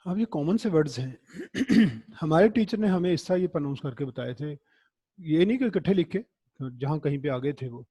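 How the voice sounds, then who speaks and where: Middle-aged male lecturer; warm, relaxed tone, encouraging and anecdotal. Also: a little high, normal speed, slightly rough, no echo. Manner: conversational and encouraging, tells anecdotes. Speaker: teacher. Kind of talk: recorded classroom lecture.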